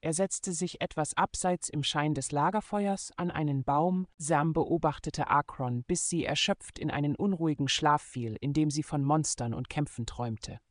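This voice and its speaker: A man reading a German adventure novel aloud in steady, measured scripted narration. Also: on the high side, no echo, clean studio sound. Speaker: audiobook narrator.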